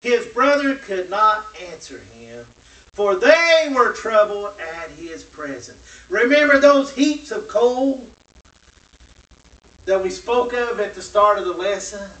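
A man teaching a Bible lesson, reading scripture aloud and adding slow, emphatic commentary with rhetorical questions. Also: sits high, big pitch swings, bright, forceful tone. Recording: roomy echo from a distant mic.

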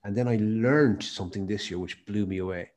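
A man with a west of Ireland accent, from County Mayo, speaks briskly in a voice on the low side and a little mellow. He's a podcast guest and health and performance speaker, telling stories emphatically in a conversational interview.

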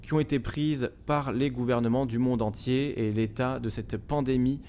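A man hosts a live stream and talks casually to his viewers. He reads their messages out loud and answers them. His voice sits at a middling pitch, and he speaks haltingly, with lots of fillers and false starts. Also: fairly even intonation, a little hiss or hum. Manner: halting, many fillers and restarts. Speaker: livestream host.

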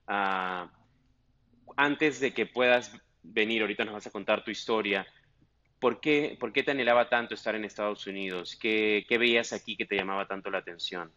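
A man's voice: lowish voice, moderate pace, pushed and bright, highs cut off. A man hosting a news podcast for immigrants, asking questions in a friendly way with short affirmations. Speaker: podcast host. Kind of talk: podcast interview and ad read.

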